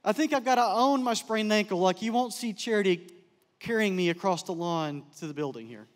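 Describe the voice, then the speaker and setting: A middle-aged man telling stories in a chapel talk, animated and joking with the audience. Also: high-pitched, brisk. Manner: animated storyteller, jokes and laughs with the crowd. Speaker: speaker, counselor. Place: large chapel. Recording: long hall reverb.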